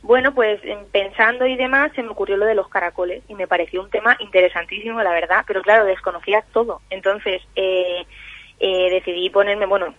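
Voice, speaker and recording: A woman's voice: medium pitch, fairly even intonation, brisk. A young woman in her twenties, a phone-in guest on a radio show, talking hesitantly with many fillers and restarts. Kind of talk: casual radio interview over the phone. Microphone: telephone. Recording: muffled phone line.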